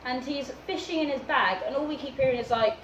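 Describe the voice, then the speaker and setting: A woman telling a casual storytime rant in an animated, dramatic way, acting out what people said. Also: high voice, fast talker, dull audio. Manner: animated, dramatic retelling with acted-out quotes. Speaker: storyteller in a two-person story time. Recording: roomy echo, faint background noise.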